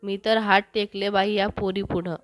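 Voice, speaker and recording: A woman voicing an exasperated, quick-tempered old grandmother who scolds in a storybook. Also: mid-range voice, little pitch movement, dry recording, lightly acted. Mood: scolding.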